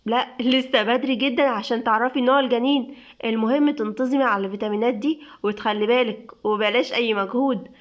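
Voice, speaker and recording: Cheerful, reassuring lady doctor with an Egyptian accent, put on by a woman narrator; high voice, lo-fi audio. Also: fairly even intonation, fast, lightly acted. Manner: reassuring and kindly. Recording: dull lo-fi sound.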